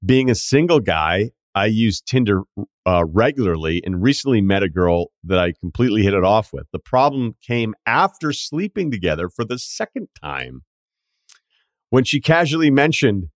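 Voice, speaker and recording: A man's voice: fairly low pitch, big pitch swings, moderate pace, no echo. A man hosting a podcast, chatting casually and reading listener mail aloud. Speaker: podcast host. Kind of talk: casual chat.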